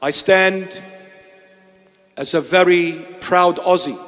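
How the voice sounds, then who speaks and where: A man from Iraq, a bishop, preaching a sermon in a large church hall. He speaks emphatically, repeating his phrases and sometimes breaking into shouts. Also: sits high, slow pace. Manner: emphatic and repetitive, bursts into shouts. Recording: long hall reverb.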